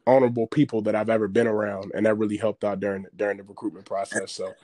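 A man's voice: lowish voice, little pitch movement, fast talker, a little mellow, no echo. Podcast guest calling in on a remote line: man, dry, close sound, easygoing slang storyteller. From Maryland area, US. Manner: laid-back, slangy storytelling. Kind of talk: casual interview chat.

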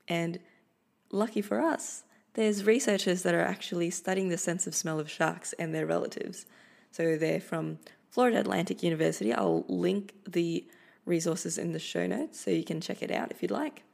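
In a solo podcast episode made in Australia, a young Filipino host who grew up speaking Filipino chats informally and laughs lightly now and then. She speaks on the low side with vocal fry and a darkish tone.

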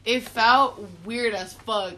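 A woman's voice: on the high side, takes it slowly, pushed and bright, slight background noise. Young woman, blunt and swearing. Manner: blunt, swears freely, laughs. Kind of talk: casual group chat.

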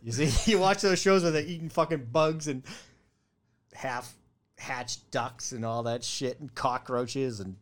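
A male podcast co-host chats casually in an unhurried, mid-range voice, laughing a lot and reacting bluntly with swearing.

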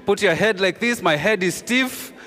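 A man preaching a sermon with a fairly high voice, leaning on repeated phrases and sinking to hushed tones to drive a point home. His voice rings out with a long reverb, as if in a church hall. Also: moderate pace. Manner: earnest preaching, repeats key phrases, drops to a hushed voice for emphasis. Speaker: pastor.

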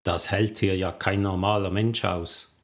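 A man voicing a weary, defiant old male gardener with a croaking, gruff voice in an audiobook. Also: low-pitched, steady tone, unhurried. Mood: grumbling.

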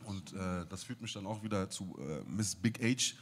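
A fairly low-voiced man talks things through reflectively, his sentences loose and padded with filler words. He speaks in a relaxed, casual way. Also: moderate pace, a little hiss or hum. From Germany. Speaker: podcast co-host. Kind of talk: casual chat.

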